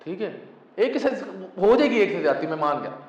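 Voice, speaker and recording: A man's voice: high-pitched, sing-song, brisk. A man in his twenties, a football club founder and coach, talking emphatically in a casual interview and mixing in English phrases. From Pakistan. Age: 20s. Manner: emphatic, mixes English phrases, frequent "thik hai". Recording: echoey, distant, muffled, faint hum.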